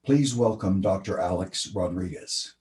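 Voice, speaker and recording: Deep-voiced man reading an introduction. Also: a little slow, darkish tone. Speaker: meeting member introducing the speaker. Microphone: video call. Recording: distant video-call mic.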